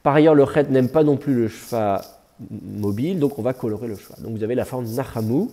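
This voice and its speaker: A man lecturing to a small class in a relaxed, mellow voice. He walks students through the text step by step and patiently corrects their pronunciation as they read. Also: medium pitch, fairly quick. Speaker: teacher of biblical Hebrew.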